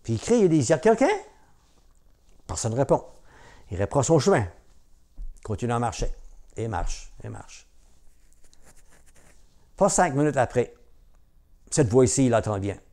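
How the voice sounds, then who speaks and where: Lively man telling a folk tale. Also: medium pitch, normal speed, long pauses. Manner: conversational, repetitive "il dit" framing, asides to listeners. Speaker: storyteller.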